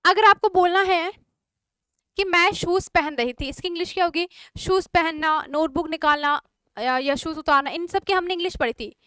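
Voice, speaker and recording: A woman's voice: very high-pitched, normal speed, fairly bright tone, no room sound, studio quality. A woman with an Indian accent teaching a spoken English class online, explaining step by step and often checking whether everyone follows.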